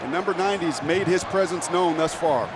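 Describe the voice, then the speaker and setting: A man's voice: fairly high pitch, brisk. A man giving live American football analysis in clipped, punchy phrases as a broadcast commentator. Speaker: colour analyst. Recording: loud stadium crowd noise. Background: roaring stadium crowd.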